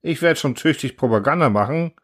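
A man voicing a bumbling male airfield guard who fumbles through a speech with halting fillers, in a storybook reading. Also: medium pitch, expressive, fairly bright tone, voice pushed up. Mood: earnest rambling. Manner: halting, rambling, full of fillers.

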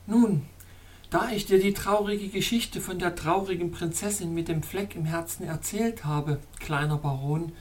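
A woman's voice: lowish voice, lively intonation, a little slow. A woman voicing a sorrowful, anxious young fairy princess in a storybook reading, with a pleading, tremulous murmur. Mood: solemn.

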